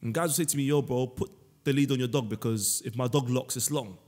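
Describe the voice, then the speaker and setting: A man hosting a casual comedic podcast chat, teasing his guest and telling animated stories. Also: medium pitch, fast talker. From Senegal. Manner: playful, teasing, animated storytelling. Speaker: podcast host. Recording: roomy long reverb.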